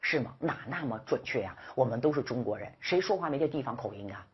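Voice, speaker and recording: A woman with a low, heavily husky voice lectures an exam-prep English class. Her pitch leaps and dips as she fires rhetorical questions at her students and coaxes them to speak up. The classroom recording sounds dull and muffled. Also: quick pace. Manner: lively, rhetorical questions, scolding and coaxing the class.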